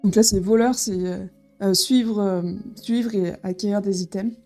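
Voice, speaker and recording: A woman's voice: medium pitch, steady tone, unhurried, mellow, soft background music. A woman casually presenting a board game as she unboxes it, with frequent fillers and restarts. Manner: hesitant, many fillers and restarts.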